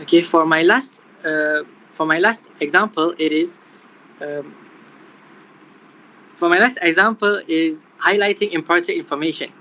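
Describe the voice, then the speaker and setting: A young man reading out a scripted class presentation in a steady manner. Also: fairly high pitch, measured pace, pauses often, rough recording. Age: young adult. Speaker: student presenter.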